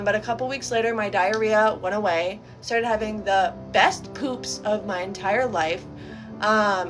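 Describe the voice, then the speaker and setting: A young adult woman sharing a personal story in a candid, chatty, informal way, like a casual video to camera. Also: fairly high pitch.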